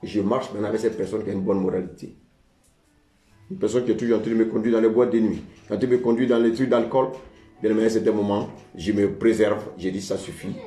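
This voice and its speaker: A man's voice: on the low side, fairly even intonation, fast talker, mellow, soft background music. French-speaking preacher man in an echoey hall. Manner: preaching with call-and-response; repeats "bien aimé" often. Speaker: pastor. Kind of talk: sermon.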